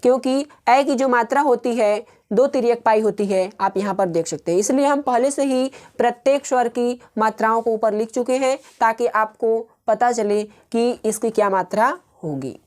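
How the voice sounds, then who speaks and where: A woman with a slightly high voice teaches grammar at a patient, measured pace. She repeats each rule and pauses often as she walks through the examples. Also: darkish tone. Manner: patient, slow and repetitive, pausing often. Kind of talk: explaining grammar rules step by step.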